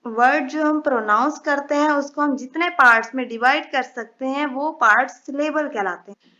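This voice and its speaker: A woman teaching an English lesson, explaining patiently step by step and reading English definitions slowly. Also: high-pitched, bright, forceful tone, muffled recording.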